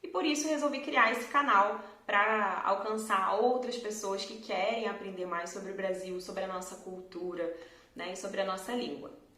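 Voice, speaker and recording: A Portuguese teacher from Brazil with a Carioca accent gives a pronunciation lesson to camera, explaining slowly and clearly and drawing out example words. Her voice is mid-range, steady and sharp-toned, recorded in an echoey room at home in front of a door.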